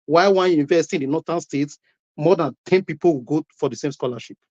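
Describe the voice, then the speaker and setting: A man with a Nigerian accent and a higher, darkish voice talks quickly as he contributes to a heated call-in debate. Heard through lo-fi online call audio, he hammers each point with repeated words and a barrage of rhetorical questions.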